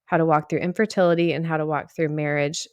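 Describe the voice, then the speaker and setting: A woman's voice: deep voice, level tone, quick pace, darkish tone, no room sound, dull audio. A woman co-hosting a faith podcast, chatting in a gushing, enthusiastic way. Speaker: podcast co-host. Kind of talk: casual podcast chat.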